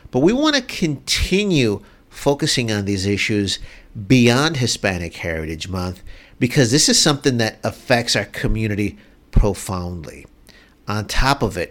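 A man's voice: lowish voice, a bit bright. A man hosting a radio show, introducing a guest and asking him questions in an earnest, emphatic way. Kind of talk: radio interview.

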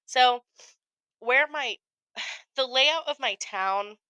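This high voice moves extremely slowly, with a clean tone and a dry recording. It belongs to a young American woman co-hosting a podcast who tells a story in casual conversation, animatedly acting out quotes and cursing often.

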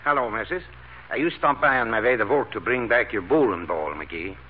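An actor playing a genial immigrant janitor in a 1940s radio comedy, folksy with broken grammar, on a thin old recording. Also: male voice, fairly low pitch, fairly quick, breathy edge, phone-quality sound. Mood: genial, deadpan.

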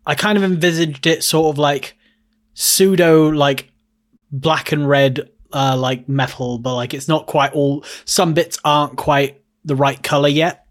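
A man's voice: a little high, steady tone, a little slow. A man playing in a tabletop game, speaking hesitantly with many fillers. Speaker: player. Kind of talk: casual play.

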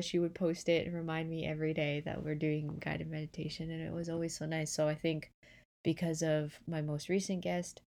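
A woman's voice: sits low, gravelly, a little mellow. A woman hosting a casual solo podcast from her bed, chatty and rambling, sounding a little stuffy with a sore throat. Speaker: podcast host. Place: in bed indoors.

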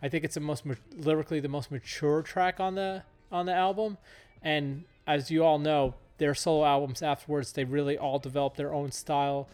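A man's voice: on the high side, fairly quick, smooth, faint music behind. A man hosting a podcast, talking casually with lots of fillers as he introduces an interview and asks questions. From Southern California. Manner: relaxed, filler-heavy rambling. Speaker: podcast host.

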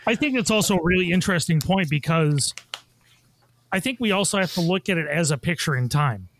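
A man's voice: on the high side, animated, brisk, fairly bright tone, a little hiss or hum. A man hosting a casual podcast discussion, steering it as moderator. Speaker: podcast host moderating a panel.

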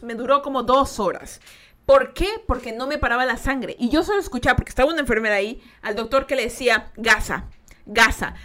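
Emphatic young woman, higher-pitched voice. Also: fairly bright tone. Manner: emphatic, blunt, swears freely. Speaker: podcast host. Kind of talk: casual personal storytelling.

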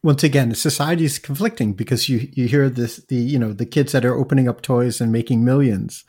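A man hosting a casual interview and asking a guest about her cooking in a relaxed way. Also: medium pitch, fairly quick, husky. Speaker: host.

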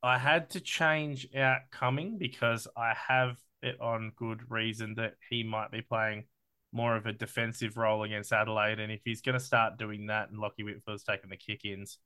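An Australian man co-hosting a casual sports podcast, excitable and swearing freely as he talks through his team picks. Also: fairly low pitch, moderate pace, smooth. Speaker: podcast co-host.

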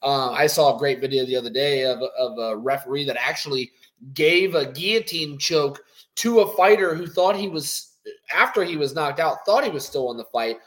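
A man co-hosting a casual post-fight show, talking in an animated, rambling way with many fillers. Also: a little high, moderate pace. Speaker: co-host.

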